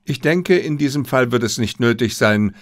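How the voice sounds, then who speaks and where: A man voicing a sharp, commanding male detective in an audiobook, speaking in a crisp, insistent way. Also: mid-range voice, expressive, moderate pace, lightly acted. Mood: dry.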